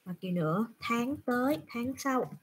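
A woman's voice: on the high side, expressive, unhurried, a little hiss or hum. A woman teaching Japanese in an online class, patiently asking questions and answering them herself. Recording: screen recording from a browser.

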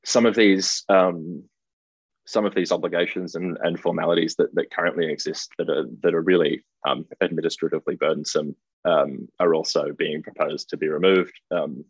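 A middle-aged Australian man presents a keynote from his office over a webcam, pausing on ums and restarting phrases. His voice sits very low with a husky edge. The audio is dull and lo-fi, with a dry, close sound. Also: steady tone, no room sound. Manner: hesitant, frequent ums and restarts. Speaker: keynote speaker. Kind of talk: conference presentation over video call. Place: indoor office. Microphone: webcam video call.

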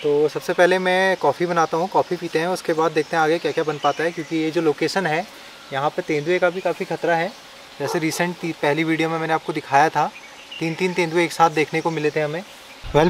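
A man's voice: on the high side, a little hiss or hum. A man talking casually to viewers at a forest campsite, walking them through each step as he goes. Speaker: camping vlogger. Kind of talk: casual vlog narration to camera. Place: outdoors at a forest campsite in the hills.

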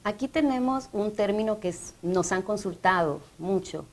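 A woman with a Honduran Spanish accent teaches grammar on a studio TV show. She explains each rule in a measured, patient way, like a language professor. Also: mid-range voice, animated. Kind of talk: educational TV talk.

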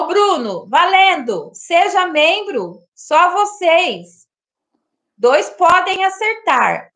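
Live-stream host, woman, very high voice, slow unhurried delivery, bubbly and exclamatory. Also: a bit bright. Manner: exclamatory, laughs often, greets viewers by name. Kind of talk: casual live-stream chat.

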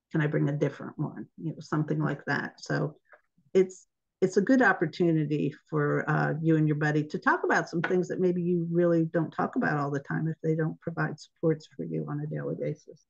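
A woman's voice: deep voice, vocal fry, darkish tone. A woman giving an informal online presentation, chatty and laughing at her own slip-ups, heard over a video call. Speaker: webinar presenter. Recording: dull lo-fi webinar audio.

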